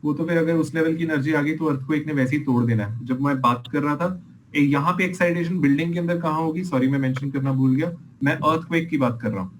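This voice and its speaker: A man's voice: fairly high pitch, fast, a little hiss or hum, low-quality recording. A man teaching a class as an engineering lecturer, explaining experiment videos patiently and checking in with his students often.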